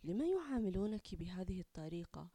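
A woman's voice: on the low side, sing-song, a little fast, no room sound. A woman voicing a kind, curious schoolgirl. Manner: gentle, curious. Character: kind, friendly older schoolgirl.

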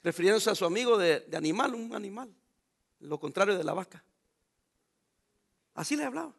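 Middle-aged pastor preaching hard, really high voice, keeps asking the church questions. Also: male voice, expressive, a little fast, gravelly. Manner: emphatic preaching, rhetorical questions to the congregation. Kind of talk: sermon.

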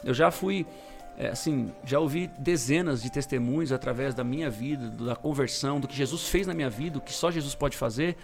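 A man's voice: mid-range voice, a little fast, faint music behind. A middle-aged Brazilian man tells his conversion testimony in a slangy, emphatic way. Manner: slangy, emphatic storyteller, bursts of loudness. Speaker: guest sharing conversion testimony. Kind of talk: casual testimony chat.

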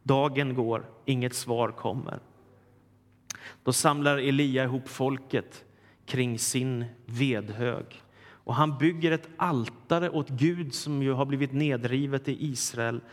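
A man preacher retelling a Bible story in a sermon, with vivid storytelling and long hall reverb. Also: mid-range voice.

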